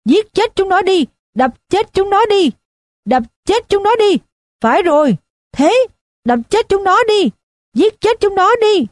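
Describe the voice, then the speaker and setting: A woman voicing a drunken man in a mob who keeps shouting for blood in a shrill, frenzied voice. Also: big pitch swings, a little slow, no echo, clean studio sound.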